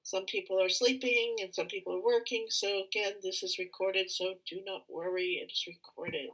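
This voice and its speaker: A woman's voice: mid-range voice, steady tone, normal speed, a bit bright, rough recording. Rambling woman presenting a seminar. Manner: rambling, many fillers and throat clearing. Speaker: feng shui and Chinese astrology consultant. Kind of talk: live online presentation with slides.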